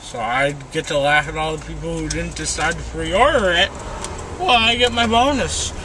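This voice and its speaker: A man who is groggy and loopy after wisdom teeth surgery, rambling in an indignant rant. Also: a little high. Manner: rambling, slow, indignant mock-political ranting. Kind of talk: rambling casual monologue. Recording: noisy car interior, road noise.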